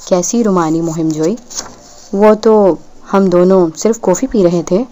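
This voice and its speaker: A woman's voice: lowish voice, dark tone, natural voice. A woman reading the lines of a proud, easily flustered young man in an audiobook, with a curt, irritable manner.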